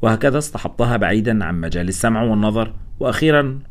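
A man reading a first-person story aloud as scripted audiobook narration, with brisk, steady storytelling. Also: lowish voice.

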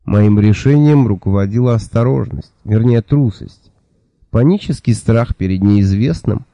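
A man reading the lines of an irritable, sharp-tongued elf-like young woman in an audiobook, in a snappish manner. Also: lowish voice, measured pace, no room sound. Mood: brooding.

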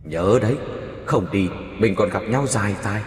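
A man voicing a menacing female ghost who hisses slowly through clenched teeth. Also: fairly low pitch, echoey room, big-room sound, close to an everyday voice.

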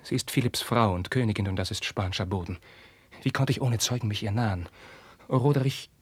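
A tormented young prince in a classic radio play, husky and low, dropping to whispers before bursting out in passion. The dry studio sound keeps him close. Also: male voice, a little fast, dry recording. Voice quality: husky, swings from hushed whispers to outbursts.

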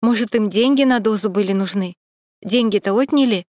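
A woman's voice: medium pitch, brisk, a little mellow, dry recording, clean studio sound, natural voice. A woman voicing an insistent female coworker who speaks with authority. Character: bossy young female coworker.

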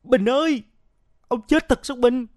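A man's voice: very high-pitched, unhurried, pitched above the performer's own voice. A man voicing a young male soldier who cries out in anguish for a fallen friend in a war story. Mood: anguished shouting. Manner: shouting, anguished.

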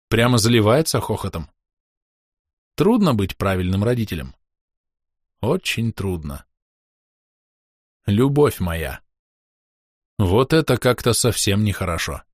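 Low-voiced man narrating an audiobook. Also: no room sound, studio quality. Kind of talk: scripted first-person audiobook narration.

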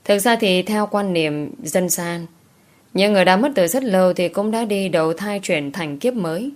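A woman narrating a romance novel as an audiobook in an even storytelling manner. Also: fairly low pitch, moderate pace.

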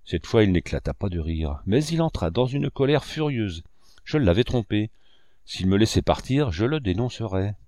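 A man narrating a novel as an audiobook with measured storytelling. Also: on the low side, very animated, mellow, dry recording, clean studio sound.

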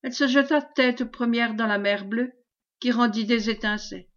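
A woman reading a classic novel aloud in a steady, measured narration. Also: fairly high pitch, highs cut off. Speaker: audiobook reader. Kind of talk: scripted narration.

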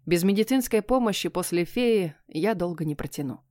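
A woman's voice: fairly low pitch, animated, moderate pace, mellow, dry recording. Woman narrating in a close dry voice. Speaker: audiobook narrator. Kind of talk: first-person fantasy audiobook narration.

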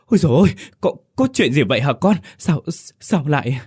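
A man's voice: on the high side, big pitch swings, a little fast, a little mellow, slightly rough, voice pushed up, full character voice. A man voicing an elderly village mother in a ghost story audiobook, stammering and wailing in a raised voice. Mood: frantic wailing.

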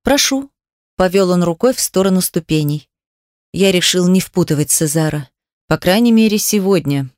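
A woman's voice: on the low side, normal speed, a little mellow, dry recording. Woman narrating an audiobook, dry close sound. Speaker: audiobook reader. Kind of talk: scripted first-person novel narration.

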